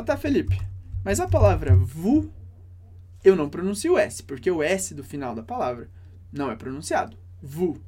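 Guy teaching french, warm soft voice, slow careful repeats. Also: sits high. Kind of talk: recorded language lesson.

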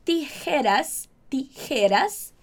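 A woman from Brazil giving a chatty, upbeat Spanish lesson, drilling words slowly and repeating them. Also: high-pitched, animated. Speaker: Spanish teacher. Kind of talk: casual online language lesson.

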